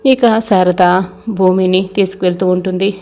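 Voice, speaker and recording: A woman retelling the episodes of a TV serial in steady scripted narration. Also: lowish voice, moderate pace.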